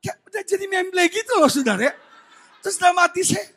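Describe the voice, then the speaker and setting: A male pastor, delivering a sermon in a blunt, animated way and often shouting for emphasis. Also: extremely high pitch, fast talker, gravelly. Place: church sanctuary.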